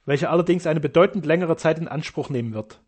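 A man's voice: a little high, fast, a little mellow, slightly rough. A man reading an audiobook voices a proud doctor who speaks in a composed, dignified way.

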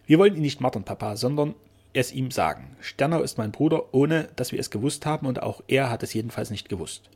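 A man's voice: medium pitch, lively intonation, brisk, a little mellow, breathy edge. A man voicing a loving young Spanish noblewoman in a storybook reading, with a pleading, emotional manner. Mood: warm.

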